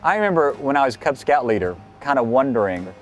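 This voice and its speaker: A man's voice: medium pitch, big pitch swings, fast talker. Candid older man, faint music behind. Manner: candid, earnest, with many "you know" fillers. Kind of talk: reflective interview testimony.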